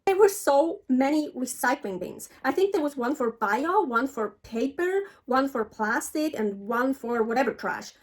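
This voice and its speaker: A woman's voice: high-pitched, animated, a little slow, hardly any pauses. A middle-aged woman from Switzerland talking casually to the camera in a travel vlog, chatty and frank, swearing freely. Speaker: travel vlogger.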